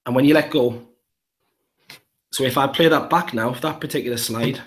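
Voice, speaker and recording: A primary school teacher with a Geordie accent runs a live app demonstration, walking through it step by step in an upbeat way. His voice is mid-range and his pace moderate.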